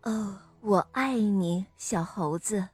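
A woman voicing a grown male monkey, a patient parent, speaking softly and soothingly in a children's story. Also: medium pitch, lively intonation, a little slow, husky, dry recording, soft background music. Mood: gentle. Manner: soft, soothing, reassuring.

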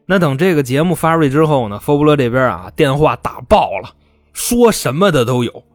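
A man's voice: fairly high pitch, lively intonation, brisk, dry recording, faint music behind. A man hosting a podcast, telling a true-crime story in casual, salty everyday speech and acting out the people in it. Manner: colloquial, salty, acts out the quoted people. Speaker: podcast host.

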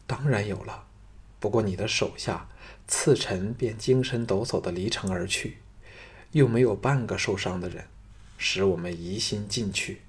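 Pleading lovesick noblewoman, a man doing her, husky low voice, breathless begging. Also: normal speed. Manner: breathless, imploring.

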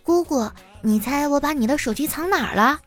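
A woman voicing a cheeky, defiant little girl who drags her words out slowly. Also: high voice, expressive, soft background music, pitched above the performer's own voice. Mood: gleeful. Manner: slow, sassy, drawn-out.

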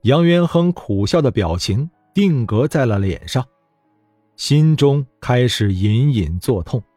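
A man narrating a fantasy web novel as an audiobook, with expressive storytelling. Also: medium pitch, slow, dry recording, soft background music.

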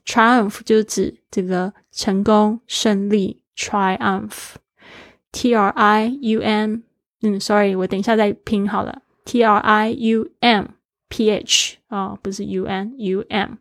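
A woman's voice: medium pitch, flat delivery, slow pace, no room sound, clean studio sound. Encouraging woman teaching English. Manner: encouraging, spells words letter by letter. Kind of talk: daily English lesson.

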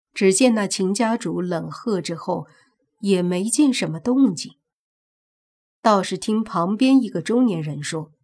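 A woman narrating a suspense novel as an audiobook, reading slowly and voicing the characters herself. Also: on the low side, darkish tone, slightly rough. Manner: slow, measured storytelling voicing all characters.

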